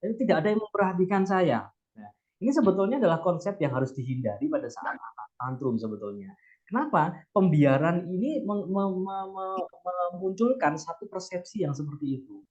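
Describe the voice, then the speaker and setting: A man's voice: fairly high pitch, very animated, normal speed, darkish tone, muffled recording. A man giving an explanatory talk to parents in a webinar, asking rhetorical questions and often restarting his sentences. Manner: addresses listeners directly, frequent restarts and rhetorical questions.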